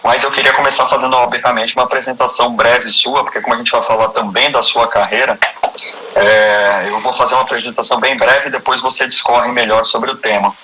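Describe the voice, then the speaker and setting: A man's voice: medium pitch, flat delivery, fairly quick, background noise. A man with a Brazilian Portuguese accent hosting a casual live-stream interview, chatty and friendly, often restarting his sentences.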